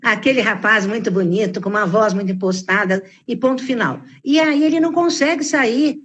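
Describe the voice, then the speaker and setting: An older woman with a Brazilian Portuguese accent, a protocol expert telling lively anecdotes as a guest on a live video call. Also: a little high, a little fast, muffled recording. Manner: animated storyteller, acts out quoted exclamations. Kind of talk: casual live-stream interview.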